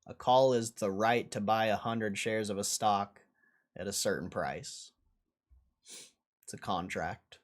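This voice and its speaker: A male livestream host chats casually with his audience, reading their comments and repeating slangy phrases. He has a fairly low pitch, keeps a measured pace, and pauses often.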